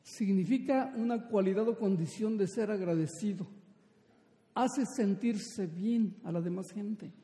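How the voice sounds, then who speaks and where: High-voiced preacher in an echoing hall. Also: male voice, unhurried, warm tone. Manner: emphatic, repeating phrases and restarting words. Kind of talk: sermon. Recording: roomy hall with long reverb.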